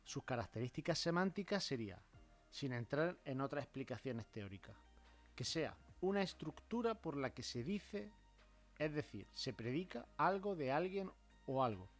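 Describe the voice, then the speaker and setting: Man explaining grammar over soft music. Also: fairly high pitch, big pitch swings. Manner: measured, acts out example phrases with marked intonation. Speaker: language teacher.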